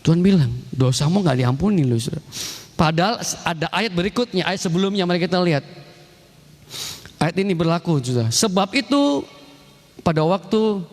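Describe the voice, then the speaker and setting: A male pastor preaching an emphatic sermon, constantly addressing the congregation and swinging between high and low pitch for emphasis. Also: lively intonation, normal speed, darkish tone. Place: church hall. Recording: long church hall reverb.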